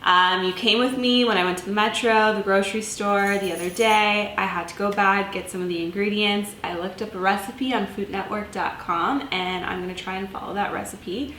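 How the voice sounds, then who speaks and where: A young woman vlogging her first try at cooking in a casual, excitable way, often squealing and swearing. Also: medium pitch, moderate pace, few pauses, echoey room, slight background noise. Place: home kitchen.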